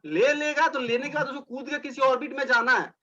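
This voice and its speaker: A man's voice: very high-pitched, steady tone, brisk, sharp tone, lo-fi sound. A male teacher giving a classroom lecture, explaining step by step, repeating points and speaking directly to his students.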